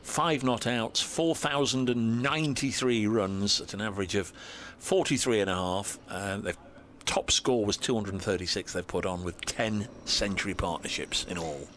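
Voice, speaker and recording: Low-voiced male cricket commentator, noisy background. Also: moderate pace, hardly any pauses, fairly bright tone. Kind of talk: conversational cricket commentary with statistics. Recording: clear background noise, match ambience.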